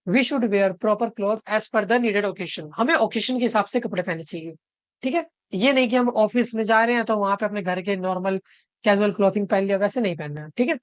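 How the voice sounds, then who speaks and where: Dry-voiced man tutoring slowly. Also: high voice, no echo. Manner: reads English sentences slowly, checks in with frequent tag questions. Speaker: online tutor. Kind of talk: explanatory lesson mixing Hindi and English.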